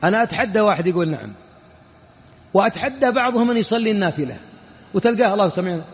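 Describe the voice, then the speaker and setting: A Saudi sheikh with a strikingly high, husky voice delivers an informal mosque lesson. He fires rhetorical questions and mimics the people he quotes. The sound is thin and phone-like, with a long hall reverb trailing each phrase. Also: lively intonation, racing. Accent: Saudi Arabic. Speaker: sheikh giving a religious lesson.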